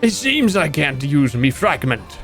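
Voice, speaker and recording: A man's voice: on the high side, very animated, unhurried, a bit bright, soft background music. A man streaming a video game, giving casual, joking commentary with frequent profanity.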